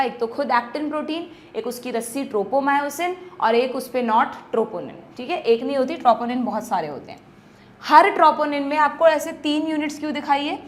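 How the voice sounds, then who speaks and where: A woman's voice: high voice, slight background noise. A woman biology teacher giving an exam-prep lecture, explaining step by step and checking in with her students in phrases.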